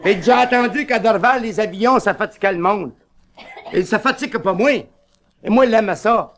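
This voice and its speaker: A man telling bawdy tavern jokes with brisk punchlines and asides to the ladies. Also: high voice, a bit bright, slight background noise. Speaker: stand-up comedian.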